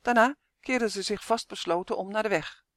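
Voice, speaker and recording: An audiobook narrator reading a children's storybook in a lively, expressive way. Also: mid-range voice, moderate pace, no echo, studio quality.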